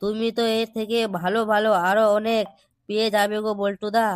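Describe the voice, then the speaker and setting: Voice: medium pitch, little pitch movement, brisk, clean tone, no echo, natural voice. A performer voicing a pleading peacemaker friend. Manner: coaxing, peacemaking. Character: pleading young male friend.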